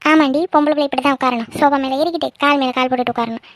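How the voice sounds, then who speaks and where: A woman's voice: high-pitched, fairly even intonation, dry recording, lightly acted. Woman voicing a nagging village mother. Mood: scolding. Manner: nagging, fast scolding. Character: scolding middle-aged village mother, sharp-tongued. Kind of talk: cartoon voice acting.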